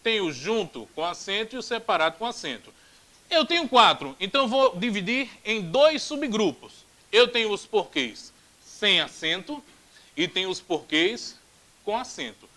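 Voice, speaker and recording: Brazilian guy teaching grammar, high voice that jumps all over, drills stuff aloud, jokey. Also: moderate pace, rough recording. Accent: Brazilian Portuguese. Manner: animated, repeats drills aloud, jokey asides. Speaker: Portuguese teacher. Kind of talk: grammar video lesson.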